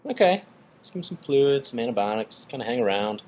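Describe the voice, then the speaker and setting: A man's voice: medium pitch, very animated, fairly quick, a little mellow. An American man co-hosting an emergency medicine podcast, explaining clinical guidelines in an enthusiastic, teacherly way. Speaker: emergency physician podcast co-host.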